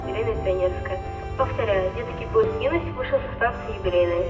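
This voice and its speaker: A woman making formal public announcements over a station loudspeaker at an outdoor railway platform, repeating the key points. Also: mid-range voice, fairly quick. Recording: distant echoey loudspeaker with loud music.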